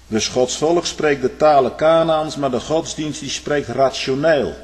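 In a large church hall with long reverb, a male preacher delivers a sermon at a slightly slow pace. He swings between loud, high-pitched exclamations and hushed, low asides, tagging lines with a questioning "hm?" and addressing the young people in the pews directly.

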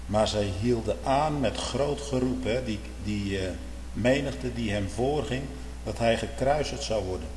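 Fervent preacher man in an echoey hall. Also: unhurried. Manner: fervent, swings from loud outbursts to low murmurs, rhetorical questions. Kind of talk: sermon. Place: church. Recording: echoey church hall, faint hum.

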